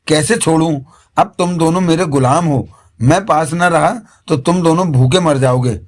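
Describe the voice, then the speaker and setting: A man's voice: on the high side, normal speed, lightly acted. Man doing a bossy pompous jinn, stern and commanding. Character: stern, pompous male jinn who rules his slaves.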